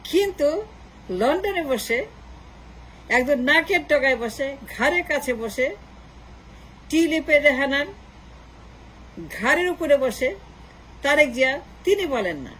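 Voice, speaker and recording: A woman's voice: high-pitched, fairly bright tone, slight background noise, rough recording. A woman giving a political opinion monologue, insistent and repetitive, slipping English phrases into her talk. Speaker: political commentator.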